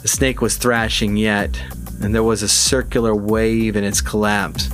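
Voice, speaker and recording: A man reading fantasy narration for an audiobook in a measured, even way. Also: lowish voice, soft background music.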